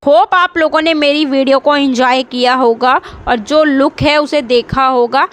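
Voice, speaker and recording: High-voiced chatty woman vlogger. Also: fairly even intonation, a little slow, fairly bright tone. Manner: chatty, talks straight to viewers. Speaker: beauty vlogger. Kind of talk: casual voice-over vlog narration.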